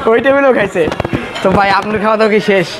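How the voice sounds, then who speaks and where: A man's voice: high voice, fast. A young Bangladeshi man, chatting casually as a food vlogger and listing dishes in a busy restaurant. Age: young adult. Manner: chatty, lists dishes, jokes with friends. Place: busy indoor buffet restaurant. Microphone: handheld camera. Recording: loud restaurant crowd behind.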